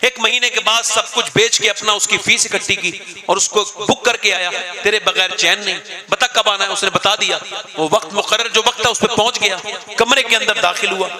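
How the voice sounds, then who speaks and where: A man delivering an impassioned sermon, telling a story with dramatic flair in a high, ringing voice. He speaks at a religious gathering, and the crowd of listeners is clearly audible. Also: steady tone, brisk. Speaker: preacher. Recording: live crowd gathering behind.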